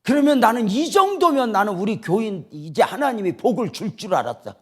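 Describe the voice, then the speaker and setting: Emotional male pastor, animated preaching. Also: high-pitched, a little fast. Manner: swings between hushed quoted dialogue and rising emotional preaching. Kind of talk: sermon at a revival meeting. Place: church sanctuary.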